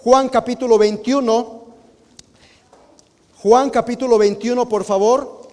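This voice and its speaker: A man's voice: very high-pitched, steady tone, measured pace, a little mellow, long reverb tail. A man, a guest missionary, teaching a Sunday school Bible lesson, earnest and nervous, often stumbling and repeating words. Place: church sanctuary.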